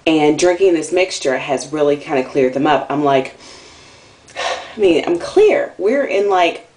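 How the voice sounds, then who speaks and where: A young woman from the Atlanta area of the US South vlogs casually to camera in a video diary. Her low-pitched, darkish, slightly nasal voice has lively intonation and a measured pace as she rambles candidly, full of ums and likes.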